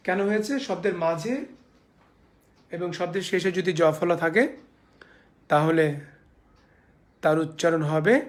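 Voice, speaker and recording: A male teacher from Bangladesh gives a spelling and pronunciation lecture with a fairly high voice. He repeats each rule, asks his class rhetorical questions and pronounces the example words slowly. The recording has a roomy echo. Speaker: college teacher. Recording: echoey room.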